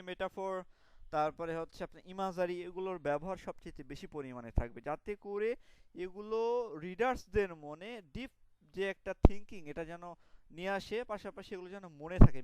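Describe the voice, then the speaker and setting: A man's voice: sits high, clean tone, dry recording, poor audio. A young man with a Bangladeshi Bengali accent, giving an online literature lecture and explaining terms with many fillers and restarts. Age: young adult. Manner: explanatory, with frequent fillers and self-corrections.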